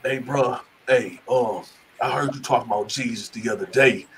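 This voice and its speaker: A man voicing an adult male prison bully who speaks in a low, rushed whisper. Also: fairly bright tone, slight background noise, low-quality recording. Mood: hushed, pleading.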